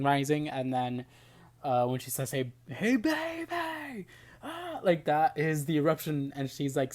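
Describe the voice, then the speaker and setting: A man talking through an album in a home-style reaction video, with a mid-pitched, everyday voice. He is chatty and enthusiastic, and his sentences keep circling back on themselves with "like" and small restarts. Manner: chatty, full of "like" fillers, lively and enthusiastic. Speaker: music reaction reviewer. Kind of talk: casual album reaction commentary.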